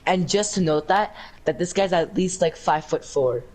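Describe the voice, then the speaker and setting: Halting teen boy co-host. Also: on the high side, a little mellow, poor audio. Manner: chiming in, halting restarts. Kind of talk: casual storytime.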